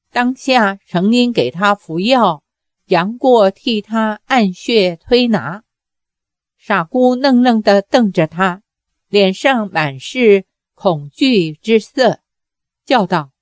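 A woman narrating a martial arts novel as an audiobook in a steady, measured storytelling manner. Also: mid-range voice, dry recording, studio quality.

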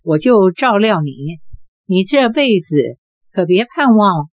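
A woman's voice: medium pitch, animated, unhurried, no room sound, close to an everyday voice. A woman voicing a cold, aloof, sheltered young woman of eighteen in an audiobook, with a cool, curt, dismissive manner. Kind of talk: audiobook character voice.

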